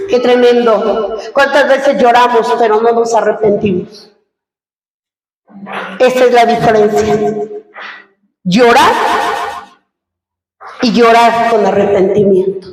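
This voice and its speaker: A woman's voice: on the high side, fairly even intonation, slow, long pauses, slight background noise. A middle-aged woman pastor gives an emotional church testimony, asking her congregation rhetorical questions. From Mexico. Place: large church hall. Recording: echoey hall heard from far off.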